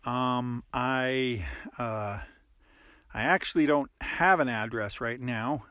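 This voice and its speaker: A man voicing a weary, sarcastic elephant man-creature in an audiobook drama, with a flat, tired delivery. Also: medium pitch, slow, dry recording, clean studio sound. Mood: plain.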